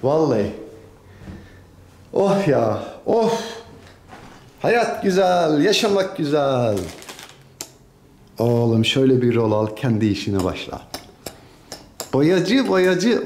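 A man from Turkey, a general contractor, chatting casually in a vlog from a house he is renovating, grumbling and swinging from tired sighs to loud rants. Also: mid-range voice, lively intonation, unhurried, pauses often, roomy sound, a little hiss or hum. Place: house under renovation, indoors.

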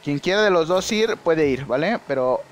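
Young man, Mexican accent, high voice, excitable gameplay commentary, faint room noise. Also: normal speed. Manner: excitable, slangy, shouts at big plays. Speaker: gaming YouTuber.

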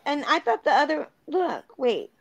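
A woman co-hosting a casual reaction chat, with drawn-out exclaiming reactions. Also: high voice, sing-song, no echo. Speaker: co-host reacting to videos.

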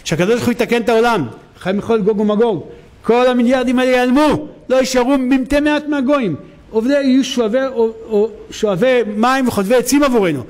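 A rabbi giving a sermon in a synagogue, telling a story emphatically with lots of repetition. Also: male voice, sits high, darkish tone.

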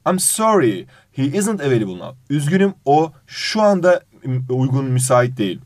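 A man's voice: mid-range voice, normal speed, no echo, clean studio sound. A man teaching an exam review lesson, reading out English phrases and translating each one while fondly addressing his student. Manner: animated intonation.

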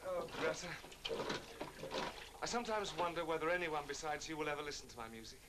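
An actor playing a young, dreamy, excitable composer, speaking softly at times and frantically at others. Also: male voice, on the high side, brisk, natural voice. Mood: wistful. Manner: soft and hushed, then frantic and shouting. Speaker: lead in a televised operetta. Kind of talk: 1970s TV studio drama acting. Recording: noisy old TV studio recording.

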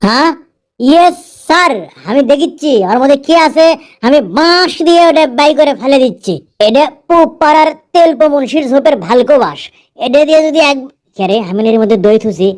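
A man's voice: very high-pitched, a little fast. A man with a northern Bangladeshi Bogura accent voicing a bumbling, greedy young army recruit in a comedy dub, whining and muttering to himself. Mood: flustered. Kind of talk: comedy dubbing in dialect.

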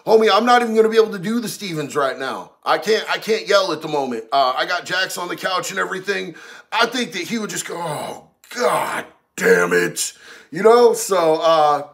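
A man's voice: high voice, lively intonation, brisk, fairly bright tone. A man casually chatting on a livestream, reading out viewer messages and answering in a slangy, candid way. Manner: slangy, candid, talks about prison life.

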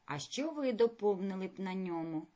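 A woman teacher leading a recorded reading lesson for fourth graders, addressing pupils directly with questions and praise. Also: mid-range voice. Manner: slow, clear classroom explaining with lively intonation. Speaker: primary school teacher.

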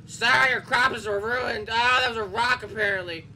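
A man giving joking, casual commentary as he plays a video game, now and then breaking into excited shouts. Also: very high-pitched, moderate pace, a little hiss or hum. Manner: joking, bursts into shouts while playing. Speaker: gaming YouTuber.

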